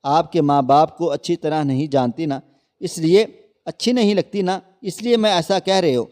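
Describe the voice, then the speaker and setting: Brief: man voicing a young wife pleading with her husband, mellow higher voice, storybook read. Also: in a large hall, natural voice. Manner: pleading, emotional. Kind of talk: storybook narration.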